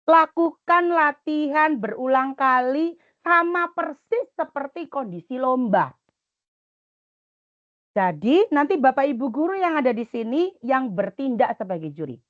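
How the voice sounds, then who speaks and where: A middle-aged woman with an Indonesian accent, coaching students and teachers in a webinar, instructive and lively, sometimes dropping to soft murmured chants. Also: sits high, lo-fi sound. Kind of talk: webinar talk.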